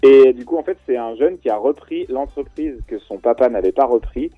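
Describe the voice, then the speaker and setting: A man's voice: medium pitch, a little fast, husky, no room sound, narrow, tinny audio, faint music behind. A man, guest on a radio talk show, chatting casually about an event he organizes, with many fillers and restarts. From France.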